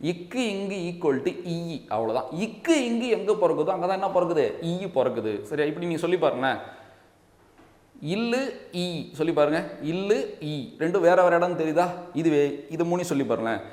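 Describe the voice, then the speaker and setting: A man's voice: a little high, darkish tone. Man, Tamil Nadu accent, exam-prep teacher, step-by-step explaining, checks students understand, roomy reverberant sound. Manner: sounds out letters slowly for students to copy. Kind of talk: classroom-style lesson. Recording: echoey room with long reverb.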